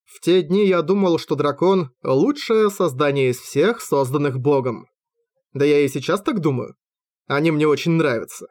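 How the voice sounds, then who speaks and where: Man, first-person audiobook reading, wry, self-mocking, somewhat high voice. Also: moderate pace, a little mellow. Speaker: audiobook narrator.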